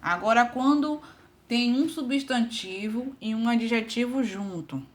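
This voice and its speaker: A woman's voice: on the high side, measured pace. A woman teaching an online grammar lesson, patiently spelling out examples and checking in with her students often.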